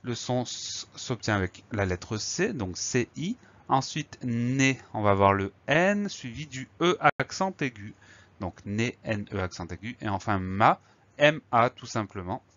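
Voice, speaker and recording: A man's voice: medium pitch, expressive, a little slow, fairly bright tone, muffled recording. Patient man spelling out words. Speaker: teacher. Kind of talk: spelling lesson.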